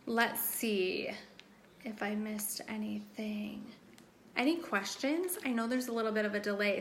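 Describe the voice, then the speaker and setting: A woman hosts a casual live stream Q&A to promote a wellness drink, chatty and enthusiastic and full of fillers. Her medium-pitched voice is bright and forceful, though it's starting to give out. There's slight background noise.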